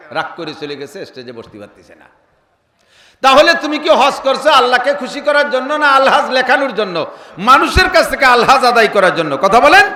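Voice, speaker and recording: A man preaching a humorous sermon, telling stories and mimicking the people he quotes, sometimes breaking into shouts. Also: very high voice. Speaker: Islamic preacher. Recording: echoey hall with long reverb.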